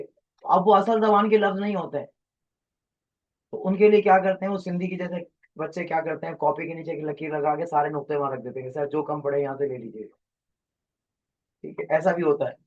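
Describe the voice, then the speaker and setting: Man teaching in a muffled classroom recording. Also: on the high side. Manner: rambling, explanatory, quizzes students. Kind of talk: classroom lecture.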